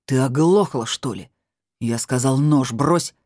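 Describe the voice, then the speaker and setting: Audiobook villain husband, put on by a female reader: jealous, bullying, barks orders, mellow dry delivery. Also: mid-range voice, measured pace, no echo, close to an everyday voice. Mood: furious. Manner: barking, growling demands. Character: furious jealous middle-aged husband, bullying. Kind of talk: audiobook character voice.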